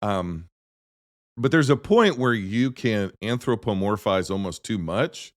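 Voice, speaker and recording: A man's voice: on the low side, measured pace, no room sound, clean studio sound. A man hosting a podcast, chatting casually about films, rambling and cutting himself off as he tells stories. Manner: rambling, self-interrupting, animated storytelling. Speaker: podcast host. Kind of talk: casual movie chat.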